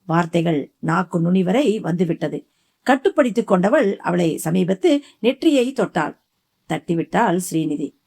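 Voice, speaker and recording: A woman narrating a suspense audiobook in a slow, dramatic reading style. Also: on the low side, animated, darkish tone. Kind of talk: scripted narration.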